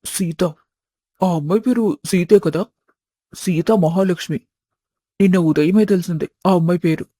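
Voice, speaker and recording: A woman putting on a grown son's voice in a storybook tale: pushed down low, with an altered, strained timbre. He talks loud and exasperated, and everything is recorded dry and close. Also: measured pace, long pauses, dry recording. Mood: musing. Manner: exasperated, argumentative. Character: grown man, eldest son, easily riled. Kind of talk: storybook voice acting.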